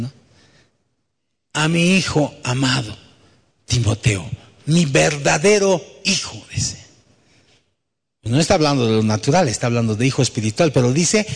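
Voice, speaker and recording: A man's voice: mid-range voice, gravelly, breathy edge, in a large hall. A man preaching a sermon as pastor, telling a personal story and asking rhetorical questions with frequent "¿no?" tags.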